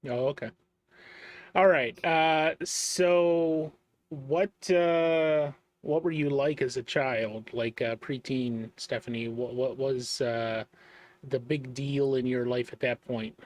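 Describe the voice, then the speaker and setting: Relaxed interviewer with a dry sound. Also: medium pitch, slow pace, dry recording. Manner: relaxed, hesitant, many fillers and restarts. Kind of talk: casual interview.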